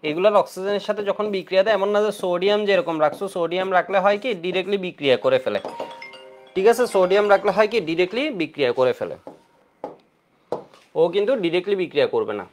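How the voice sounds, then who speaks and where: A man's voice: sits high, lively intonation, racing, faint music behind. A man teaching an online chemistry lecture for exam prep, repeating key points again and again to drill his students.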